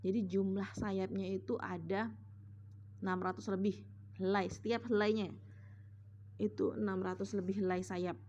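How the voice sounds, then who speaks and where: A woman's voice: medium pitch, flat delivery, moderate pace, long pauses, a little mellow. Patient woman teacher retelling a story. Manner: patient, retelling step by step with "nah" and "sama". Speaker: religious teacher. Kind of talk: storytelling lesson. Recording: dull lo-fi recording with faint hum.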